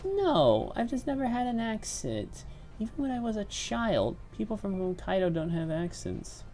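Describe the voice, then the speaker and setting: A woman's voice: mid-range voice, very animated, moderate pace, mellow, pitched above the performer's own voice. Woman reading as a chatty young hostess. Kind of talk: reading game dialogue aloud.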